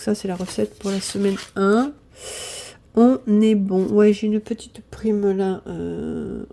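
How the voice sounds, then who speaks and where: A woman's voice: medium pitch, warm tone, slight background noise. Chatty woman in her fifties. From southern France. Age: 50s. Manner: chatty, hesitant, many fillers; repeats "voilà, voilà". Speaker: budgeting vlogger. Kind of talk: casual chat to viewers.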